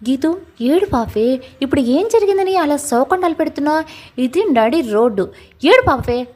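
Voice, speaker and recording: A woman's voice: high-pitched, lively intonation, fairly quick, dark tone, voice pushed up. A woman voicing a protective, bossy young man who scolds and insists. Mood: scolding.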